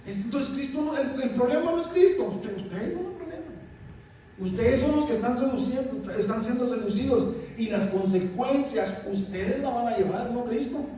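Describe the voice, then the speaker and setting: Male pastor, very high voice, emphatic sermon, recorded from a distance in a reverberant church. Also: normal speed, mellow. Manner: emphatic, addresses the congregation as "iglesia". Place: church hall. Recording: echoey hall, distant mic, faint noise.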